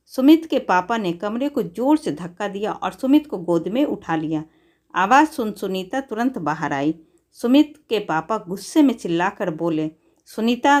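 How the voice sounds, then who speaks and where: Even-voiced woman reading a moral tale. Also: medium pitch. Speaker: storyteller. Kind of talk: scripted narration of a moral story.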